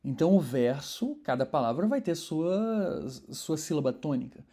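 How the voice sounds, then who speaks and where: A woman's voice: sits low, lively intonation, moderate pace, warm tone. A woman teaching an online poetry course, explaining in a conversational way and stressing syllables as she scans verses.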